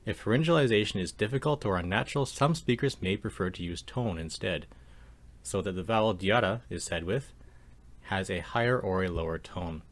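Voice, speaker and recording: Low-voiced man teaching a language. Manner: calm, measured explanation with slow demonstrations of sounds. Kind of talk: slide-based language lesson.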